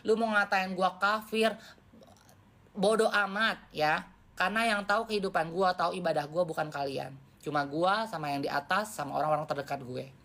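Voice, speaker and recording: A woman's voice: on the low side, fairly quick, a bit bright. A woman around forty chatting on a phone live stream, bluntly lecturing her viewers in casual slang. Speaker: livestreamer.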